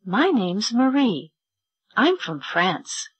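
A very husky woman reading slowly. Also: medium pitch, big pitch swings, no echo. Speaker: textbook audio reader. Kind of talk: slow, clear textbook reading.

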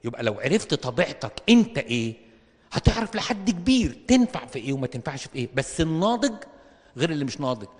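Fast-talking Egyptian preacher in a hall. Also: male voice, fairly high pitch. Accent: Egyptian Arabic. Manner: animated, acts out little dialogues, rhetorical questions. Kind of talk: comic sermon to an audience. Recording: long reverb of a hall.

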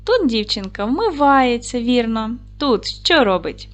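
A woman teaching a recorded lesson for young children, speaking clearly and slowly with encouraging praise. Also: on the high side, sing-song. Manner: clear, slow, encouraging classroom delivery. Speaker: primary school teacher.

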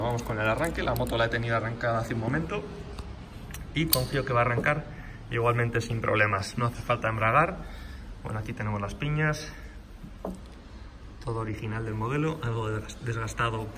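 In a steady, fairly quick mid-range voice broken by frequent pauses, a man shows off a motorcycle for sale in his indoor workshop. It's a hands-on phone video with engine noise in the room, and he raises his voice over the running motor as he explains.

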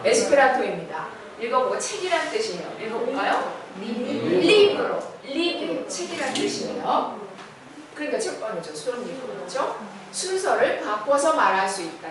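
A woman's voice: a little high, far from the mic. A woman lecturing a class on a language, explaining each point step by step and putting questions to the room. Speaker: Esperanto lecturer. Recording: very echoey hall, speaker off-mic, faint noise.

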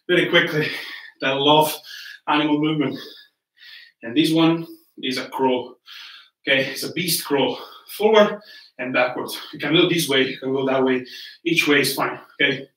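Speaking at normal speed in a fairly high, somewhat bright voice, a male fitness coach gives live home workout instruction. Upbeat and encouraging, he counts down and calls out moves while exercising, breathing hard in between. The audio comes from a laptop camera across a warm room at home, with roomy echo from the distant mic.

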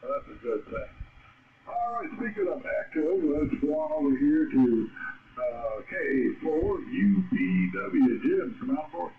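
A man's voice: fairly high pitch, wildly swooping pitch, a little slow. A man running an amateur radio net in an easygoing, folksy way, heard over a radio transmission. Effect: radio transmission with static. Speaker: net control operator. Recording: tinny radio audio with loud static.

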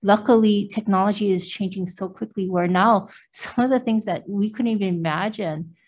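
An older woman testifying as a nominee at a confirmation hearing, answering in a measured, careful way with hesitant fillers, through a mask into a table mic. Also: mid-range voice, a little mellow. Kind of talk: formal testimony answering questions. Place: government hearing room behind a plexiglass screen. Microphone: table microphone, wearing a face mask.

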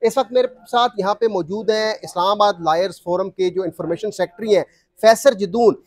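A news reporter, a man with a notably high voice, puts pointed, leading questions to his guest. The sound is dry and close to the mic. He talks in the steady way of field reporting. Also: a little fast, no room sound.

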